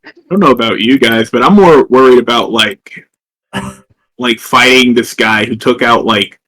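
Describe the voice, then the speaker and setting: A man's voice: medium pitch, moderate pace, pushed and bright, poor audio. A man playing a tabletop role-playing game, talking casually with many hesitations.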